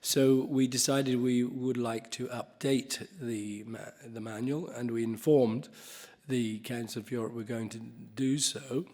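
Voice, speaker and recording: A man chairing a conference panel, talking off the cuff with halting restarts and the odd cough. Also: medium pitch, steady tone, darkish tone. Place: conference hall.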